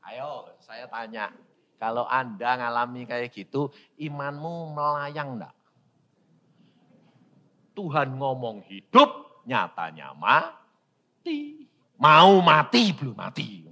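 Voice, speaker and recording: A man preaching a sermon, telling a story and acting out the dialogue, swinging from hushed lines to shouted ones. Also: mid-range voice, expressive, slow pace, pauses often, dull audio. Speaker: pastor.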